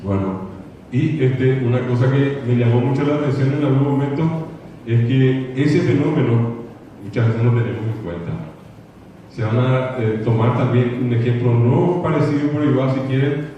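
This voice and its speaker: A man's voice: medium pitch, normal speed, a little hiss or hum. A man with a Paraguayan Spanish accent giving an earnest, repetitive conference lecture, now and then mimicking how children mispronounce words. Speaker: congress speaker. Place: lecture hall. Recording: echoey hall from far off, dull.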